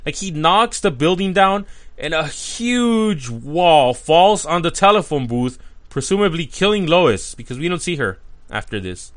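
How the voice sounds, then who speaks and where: A man's voice: fairly high pitch, expressive, a little slow. Guy recapping a cartoon, super into it, lots of "like" and "uh", just chatting casually. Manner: enthusiastic and chatty, with frequent "like" and "uh" fillers. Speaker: cartoon reviewer.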